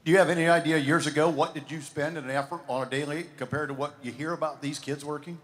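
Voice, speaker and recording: A man acting as ring announcer, chatting with a buyer in quick, upbeat questions at a live event. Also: on the high side, steady tone. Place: fairground show ring.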